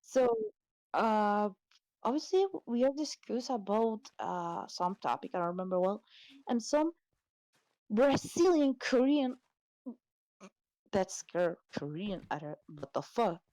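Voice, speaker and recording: Slow-talking blunt woman streamer. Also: mid-range voice, very animated, darkish tone, no echo, low-quality recording. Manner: blunt, swears a lot, nonnative English. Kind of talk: casual chat.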